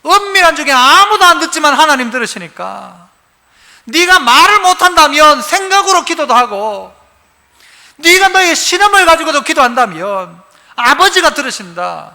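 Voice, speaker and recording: A male pastor giving a sermon, animated, asking the congregation questions as he preaches. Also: very high-pitched, normal speed. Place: church sanctuary. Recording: reverberant church hall.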